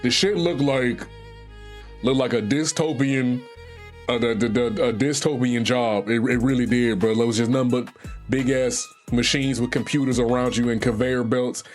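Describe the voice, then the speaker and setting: A man's voice: medium pitch, steady tone, moderate pace, faint music behind. A young man from Virginia with a Southern accent, telling a profane, slangy story on a live stream and acting out what other people said. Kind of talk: casual storytelling.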